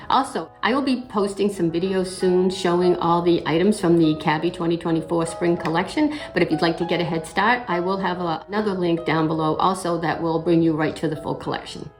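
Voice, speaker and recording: A middle-aged makeup vlogger with a slight cold walks through a tutorial step by step, relaxed and casual, her lowish voice a little raspy. She clears her throat now and then, and the recording quality is low.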